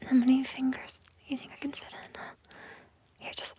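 A woman whispers breathily in an intimate audio roleplay, slow, coaxing and possessive, repeating soft phrases again and again. Her voice is high-pitched and barely moves in pitch.

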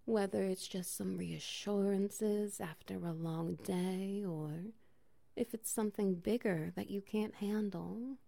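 A woman speaking a soothing ASMR comfort roleplay, soft and gentle, often slipping into a whisper. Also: mid-range voice, vocal fry, no room sound. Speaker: ASMR performer.

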